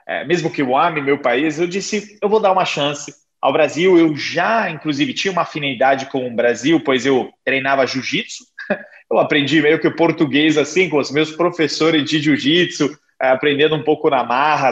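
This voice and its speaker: A man's voice: a little high, moderate pace. Italian man, slightly lo-fi sound. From Italy (Genoa). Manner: thoughtful, animated storytelling with hesitations. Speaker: podcast guest. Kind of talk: conversational interview.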